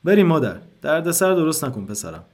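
A man voicing a dignified elderly grandmother who speaks calmly and formally. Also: on the high side, pitched above the performer's own voice. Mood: soothing. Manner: careful formal speech, soft and gentle. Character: calm elderly grandmother, dignified then wild.

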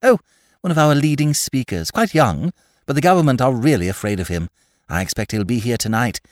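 A man voicing an eager, gushing young woman activist in a storybook reading, high and breathless. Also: big pitch swings, a little fast, dry recording, clean studio sound, close to an everyday voice.

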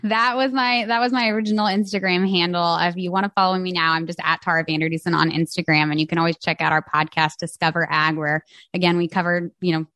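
Woman on a podcast, lowish voice, upbeat and explaining stuff, dry sound. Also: fairly even intonation, quick pace, hardly any pauses, a bit bright, no echo. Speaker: podcast guest, farming advocate. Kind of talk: casual interview chat.

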